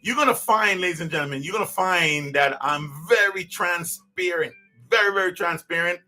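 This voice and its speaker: A man's voice: high voice, moderate pace, pushed and bright, soft background music. A man, hosting a podcast as an unscripted personal monologue, earnest and rambling, with many restarts. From Jamaica. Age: 50s. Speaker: podcast host.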